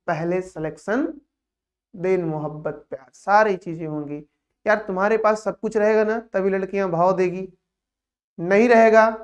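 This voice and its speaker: Male math teacher, slow and playful, lo-fi sound. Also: high-pitched. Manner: playful, teasing asides between calculations. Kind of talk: classroom lecture.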